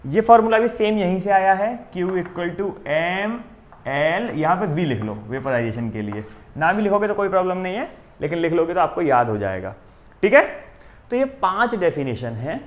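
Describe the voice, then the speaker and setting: A man with an Indian accent teaching a physics coaching class at a board. He stops often to ask "है ना?" and reads definitions out slowly, word by word. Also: fairly high pitch, muffled recording. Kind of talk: exam coaching lecture at a board.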